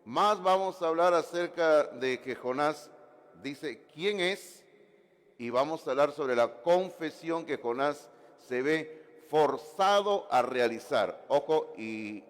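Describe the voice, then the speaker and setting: Animated preacher in an echoey church. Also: male voice, a little high, slow. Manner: animated preaching with asides and jokes to the congregation. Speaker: pastor. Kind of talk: sermon. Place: church sanctuary.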